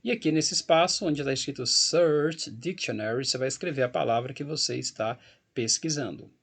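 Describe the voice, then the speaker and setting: This recorded grammar lesson features a man with a Brazilian Portuguese accent whose medium-pitched voice is husky and fairly bright, with vocal fry, at a moderate pace. He navigates a website on screen while teaching English grammar patiently and checking in with the class often.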